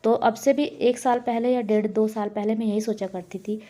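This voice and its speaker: Earnest woman in her thirties, mellow voice. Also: on the high side, little pitch movement, moderate pace. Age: 30s. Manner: earnest, encouraging, repeats herself. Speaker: homemaker vlogger. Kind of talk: casual motivational vlog talk.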